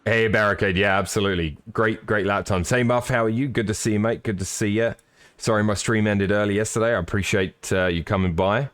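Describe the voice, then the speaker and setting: A man's voice: lowish voice, fairly even intonation, fairly quick, dry recording. A man giving live, chatty sim racing commentary with jokey, apologetic asides.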